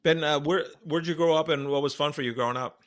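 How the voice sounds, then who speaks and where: A man hosting a podcast, asking relaxed questions and giving brief replies. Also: fairly high pitch, quick pace. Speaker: podcast host. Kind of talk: casual interview chat.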